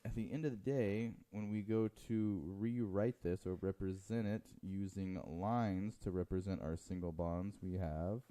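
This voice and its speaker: A man's voice: low-pitched, fairly even intonation, unhurried, hardly any pauses, warm tone. A man teaching chemistry in a classroom, joking with students and counting aloud as he draws. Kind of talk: classroom lecture.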